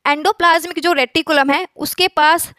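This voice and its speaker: Teacher, woman, high voice, dry close sound, quizzes herself as she explains. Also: fairly even intonation, normal speed, pushed and bright, dry recording. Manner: asks rhetorical questions and answers them herself; mixes English phrases into speech. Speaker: biology teacher. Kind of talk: classroom lecture.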